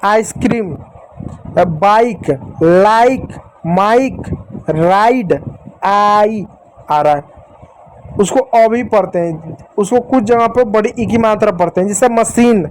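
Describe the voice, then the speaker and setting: Over poor audio with a little hiss or hum, a man whose voice sits high teaches children English letter sounds in Hindi. He moves patiently and slowly, repeating example words and checking understanding with "ठीक".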